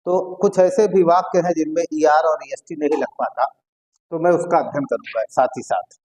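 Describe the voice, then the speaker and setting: A man teaching an English grammar lesson, often repeating key words slowly as he writes them on the board. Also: a little high, a little mellow, poor audio.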